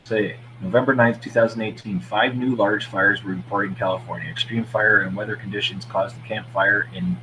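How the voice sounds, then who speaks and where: Host, male, 40s, low voice, chatty and relaxed, reads viewer comments, faint hiss behind. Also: a little fast, hardly any pauses, rough recording. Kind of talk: casual live-stream chat.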